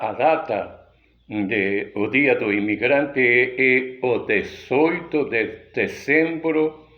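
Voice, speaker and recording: A man from Peru, a pastor with a Peruvian Spanish accent and Spanish as his first language, giving a deliberate, unhurried sermon. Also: medium pitch, dull audio. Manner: unhurried, deliberate teaching delivery with frequent pauses.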